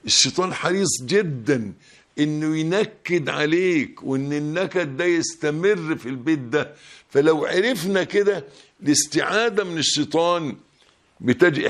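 A man with an Egyptian Arabic accent giving a Ramadan sermon, colloquial and emphatic, pressing his points. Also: a little high. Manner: colloquial, emphatic, rising loudness when stressing points. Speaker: preacher.

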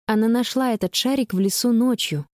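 Woman narrator, high voice, lively melody, dry close sound, scripted storytelling. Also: brisk, no room sound.

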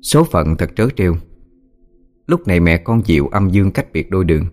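A man reading a ghost story aloud in a slow, somber way. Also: sits low, big pitch swings. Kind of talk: scripted horror story narration. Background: soft music with singing bowl.

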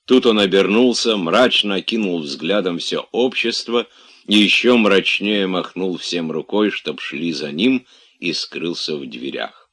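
Deep-voiced male audiobook narrator. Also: husky. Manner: measured, expressive storytelling. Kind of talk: audiobook narration of a classic novel.

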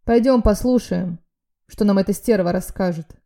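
A woman's voice: mid-range voice, normal speed, warm tone, natural voice. A woman reading as a furious barking young man. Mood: grim. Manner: harsh, barking. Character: hot-tempered young male businessman, furious.

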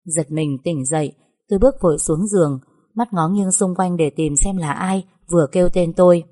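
A young woman narrating a story in the first person, lively and chatty. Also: fairly low pitch, normal speed.

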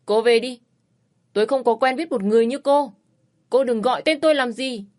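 A young fisherman speaks harshly, pushing away someone who once loved him, as a woman acts him out. His voice sits high and tense. This is an audio story. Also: brisk, darkish tone, lightly acted. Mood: contemptuous. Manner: harsh, rejecting. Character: young fisherman, cold and scornful in a dream.

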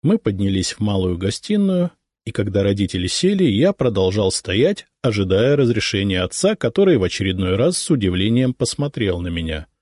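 Expressive male audiobook narrator. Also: fairly low pitch, a little fast, no echo, clean studio sound. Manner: first-person storytelling, expressive. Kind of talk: scripted narration.

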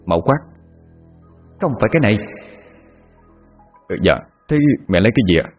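Lively low-voiced man telling a tale. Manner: measured, dramatic. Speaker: storyteller. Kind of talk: dramatic folk tale narration. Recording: muffled, with long reverb.

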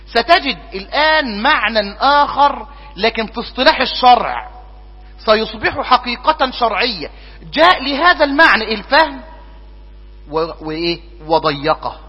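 A man's voice: high-pitched, husky. A man with an Egyptian accent teaching a jurisprudence lesson, putting questions to his students and answering them himself. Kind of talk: classroom lesson. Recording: dull lo-fi recording in a hall with long reverb.

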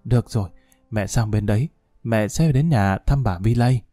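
A man's voice: fairly low pitch, normal speed, warm tone, no echo, faint music behind, natural voice. A man voicing an elderly woman, a tender, grieving mother figure with a choked, tearful tone, in an audiobook drama reading. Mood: gentle. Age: older.

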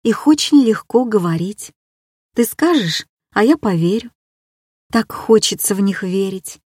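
A woman's voice: medium pitch, animated, a little slow, a little mellow, breathy edge, no echo, clean studio sound. A woman reading an audiobook and voicing a weary, bitter woman who reproaches her lover with probing questions. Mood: yearning.

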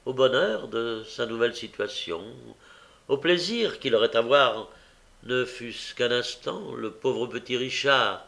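A man narrating a classic novel as an audiobook, reading in a measured way with occasional hesitations. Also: mid-range voice, a bit bright.

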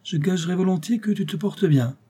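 A man's voice: high-pitched, fairly quick, dark tone, husky, pitched above the performer's own voice. A man reading the part of an older male professor, stern but fatherly, speaking in a firm, commanding way. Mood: cheerful.

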